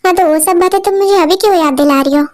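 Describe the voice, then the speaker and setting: A woman's voice: extremely high pitch, quick pace, darkish tone, no room sound, faint music behind. A woman voicing a cold, irritable young husband who talks in short, scolding lines. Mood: annoyed. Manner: curt, scolding.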